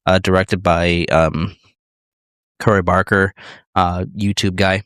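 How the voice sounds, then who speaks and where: Lowish-voiced man, rambling podcast chat. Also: little pitch movement, slow pace, a bit bright, smooth, no room sound, clean studio sound. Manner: rambling, hesitant, many fillers. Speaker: podcast co-host. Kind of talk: casual chat.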